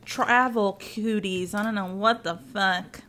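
A woman's voice: mid-range voice, steady tone, takes it slowly, bright, forceful tone. A woman co-hosting a podcast in casual, unscripted conversation. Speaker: podcast co-host. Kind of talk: casual chat.

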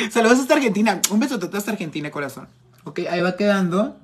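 A makeup artist from Tijuana with a northern Mexican accent, chatting flamboyantly and teasingly on a phone live stream while reading viewers' comments. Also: male voice, sits high, brisk, fairly bright tone, breathy edge.

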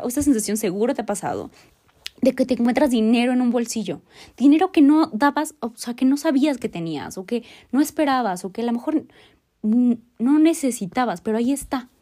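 A woman's voice: fairly high pitch, lively intonation, a little fast, mellow. A woman hosting a motivational podcast, talking earnestly and reflectively straight to the listener. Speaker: podcast host.

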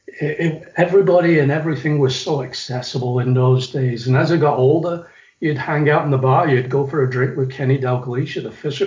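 A middle-aged man from England, being interviewed, reminisces about his youth, telling stories reflectively with some restarts. His medium-pitched voice has a darkish tone; the recording is echoey and slightly dull.

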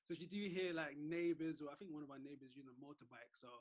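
A man's voice: fairly high pitch, quick pace. A man hosting a sports business podcast from home, friendly and hesitant with many fillers. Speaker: podcast host. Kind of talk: casual podcast interview.

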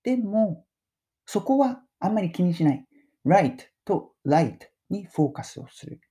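A middle-aged woman with a low, dark, mellow voice gives a relaxed pronunciation lesson. She speaks, and her pitch rises and falls in a lively way as she chats. She slows right down to model English phrases for repetition. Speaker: English pronunciation teacher and podcast host. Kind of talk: casual spoken lesson.

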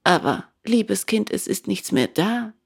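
A woman voicing a wise, poor old woodcarver father who speaks low and admonishing. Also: lively intonation, measured pace, creaky, husky, heavily acted. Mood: gentle.

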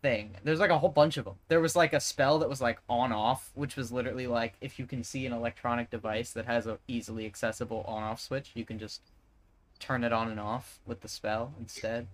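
A man's voice: medium pitch, fairly even intonation, fairly quick, rough recording. A man playing a tabletop game, talking casually and rambling with lots of fillers as he reads out rules. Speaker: player.

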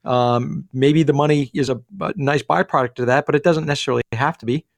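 A man's voice: mid-range voice, creaky, no room sound. A man working as a financial advisor, talking through money and retirement on a call-in radio show, with lots of restarts and fillers. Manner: quick, energetic, many restarts and fillers.

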